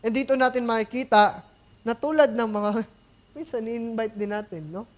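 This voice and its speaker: A Filipino man preaching a sermon as pastor. He reads scripture aloud in English and then explains it in Tagalog, with conversational tag questions and quick asides. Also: very high voice.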